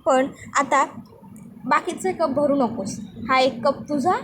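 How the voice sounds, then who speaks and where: A woman's voice: sits high, takes it slowly, background noise. A woman reading a teasing young husband. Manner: teasing, coaxing. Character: playful, affectionate young husband.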